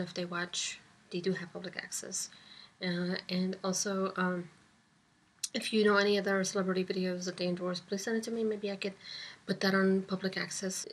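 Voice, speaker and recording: A sleepy-sounding woman giving casual political commentary to camera, rambling with many ums and dropping into whispery asides. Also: medium pitch. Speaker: vlogger and public access show host.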